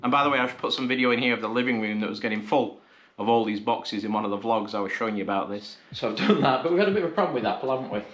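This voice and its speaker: A man in the middle of a casual vlog, his voice sitting at an everyday mid pitch. He retells a string of frustrating phone calls, slipping into the voices of each side and letting his exasperation build. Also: lively intonation, racing, a bit bright, a little hiss or hum. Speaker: vlogger. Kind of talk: casual storytelling to camera.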